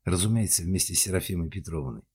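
A man voicing a calm middle-aged man. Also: sits low, fast talker, breathy edge. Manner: calm, soft-spoken.

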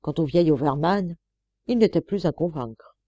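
Mellow-voiced woman reading an audiobook. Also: deep voice, no room sound, highs cut off. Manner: steady, measured storytelling. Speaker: audiobook reader. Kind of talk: scripted audiobook narration.

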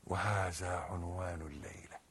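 A man preaching a sermon in an Egyptian accent, swinging from hushed pleading to loud shouted exhortation, with a husky voice. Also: deep voice, little pitch movement, normal speed. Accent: Egyptian Arabic.

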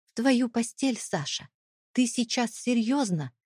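A woman's voice: a little high, expressive, measured pace, breathy edge, no echo, studio quality, voice pushed up. A woman playing a furious, defiant wife. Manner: raised, shouting accusations.

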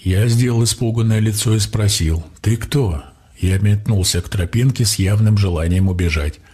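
Husky low-voiced male narrator. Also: a little fast, a little mellow. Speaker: audiobook narrator. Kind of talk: first-person audiobook narration.

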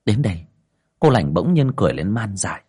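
A male narrator reading a ghost story aloud with dramatic, expressive delivery. His voice is low and slightly husky, rising and falling widely as he builds tension. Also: fairly quick. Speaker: audiobook narrator. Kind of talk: scripted horror story narration.

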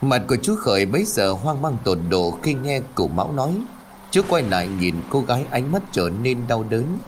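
A male audiobook narrator telling a ghost story with a very lively, moving pitch. He changes his voice and pace for each villager he quotes. Faint noise sits behind him. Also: normal speed.

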